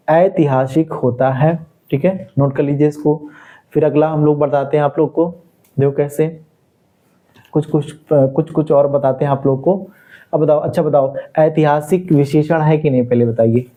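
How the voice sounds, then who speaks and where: A man's voice: on the high side, dark tone. Man teaching grammar with question and answer. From India. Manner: repetitive call-and-response questioning; explains step by step at a board. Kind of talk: Hindi grammar lesson for exam students.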